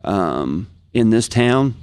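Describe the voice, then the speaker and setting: On a clean, studio-recorded podcast with no room sound, a guitarist from Kansas, United States, chats as a guest and looks back on the past. His voice sits on the low side, slow yet very animated, a little mellow, clear and resonant. He speaks with an American accent, casually and eagerly, often repeating phrases to stress them.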